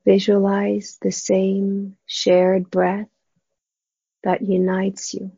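Hushed, breathy woman guiding meditation very slowly. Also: medium pitch, completely flat delivery, dry recording. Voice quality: soft, breathy, husky. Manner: slow, gentle delivery with long pauses. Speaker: meditation guide. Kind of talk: guided meditation in a soft, hushed, spa-like near-whisper. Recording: dull, muffled, dry close recording.

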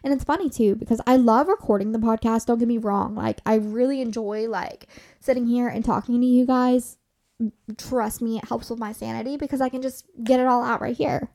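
A woman's voice: a little high, steady tone, brisk, dark tone. A woman in her twenties hosting her own podcast, talking casually from her bed in a chatty, rambling way with lots of "like". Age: 20s. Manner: rambling, chatty, says "like" a lot. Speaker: podcast host. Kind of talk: casual solo podcast rant.

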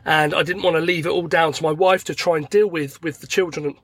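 A middle-aged man, croaky and tired from illness, rambling chattily as he hosts a podcast from his parked car. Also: fairly high pitch, steady tone, fairly quick, fairly bright tone, no echo. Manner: rambling, chatty, acts out everyday dialogue. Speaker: podcast host. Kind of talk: casual solo podcast monologue. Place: parked car at a motorway services.

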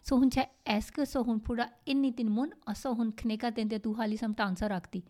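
A middle-aged woman, chatting casually with her daughter, often pausing to search for words and mixing in other languages. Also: a little high, steady tone, darkish tone. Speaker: podcast co-host, mother. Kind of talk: casual family chat.

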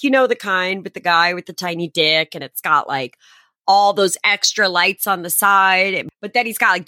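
A woman's voice: mid-range voice, sharp tone, no echo, clean studio sound. A young woman hosting a podcast, telling a story in casual chat with sarcastic, profane humor.

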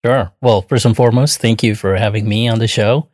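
A man from Bangladesh answering interview questions in a measured, earnest way with frequent pauses and fillers. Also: on the low side, steady tone, a little mellow, dry recording, clean studio sound. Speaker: interview guest.

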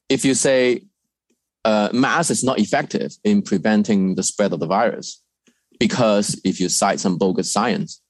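A man's voice: fairly low pitch, no echo. A man from China, a research fellow, answering interview questions thoughtfully with frequent fillers and restarts.

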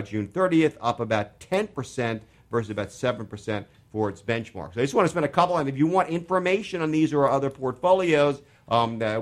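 A man hosts a radio show about investing, at an even middle pitch. He talks haltingly, with plenty of fillers and restarts between the figures he explains, and breaks into the odd joke.

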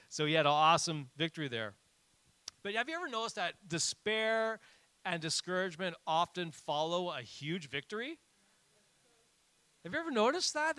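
Male pastor, lively and chatty, slightly high voice with a bright edge. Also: dry recording. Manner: animated, rises sharply for emphasis; conversational with frequent fillers. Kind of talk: sermon.

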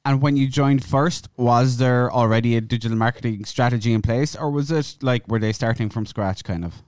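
A man's voice: mid-range voice, normal speed, darkish tone, clear, resonant tone, dry recording, studio quality. A man hosting an interview, asking conversational questions that he tentatively rephrases. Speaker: podcast host, interviewer.

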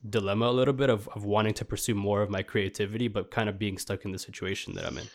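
Guy in his 20s, lowish voice, rambling casual chat, lots of "like". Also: steady tone, fast. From New York, USA. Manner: rambling, reflective, frequent "like" fillers.

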